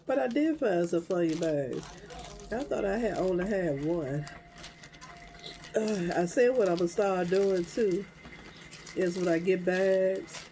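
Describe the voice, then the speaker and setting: An older woman with a stuffy nose talks to herself and her viewers as she sorts boxes and bags for crafts. Her voice sits low and mellow, with a faint hiss of background noise behind her. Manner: rambling, talking to herself while sorting crafts. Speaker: crafting vlogger. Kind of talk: casual crafting vlog.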